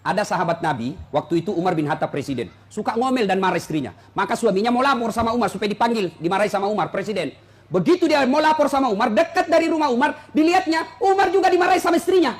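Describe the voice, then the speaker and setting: A man's voice: extremely high pitch, fast. A male preacher giving a humorous sermon to a congregation, telling jokey stories and acting out the voices of the people in them. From Indonesia. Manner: jokey storytelling, acts out quoted voices, lively.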